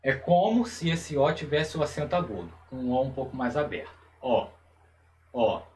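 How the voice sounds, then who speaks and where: A man giving a Hebrew lesson on video, slowly and carefully, repeating each term as he explains it. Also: fairly high pitch, expressive, a little mellow, recorded from a distance, slight background noise, rough recording. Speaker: Hebrew teacher.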